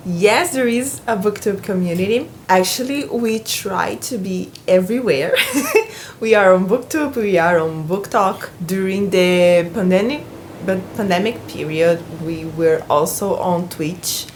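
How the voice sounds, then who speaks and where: Chatting in a relaxed book vlog, a young woman from Brazil speaks unhurried English in a mid-range voice colored by her Brazilian Portuguese accent. She hesitates, restarts frequently, leans on fillers, and laughs warmly between ideas. A little hiss or hum sits under the recording.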